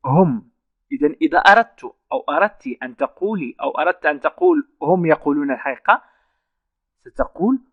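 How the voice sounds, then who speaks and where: Man slowly teaching French verbs. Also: on the high side, dry recording, muffled recording. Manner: slow, repeats French phrases word by word. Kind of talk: online language lesson.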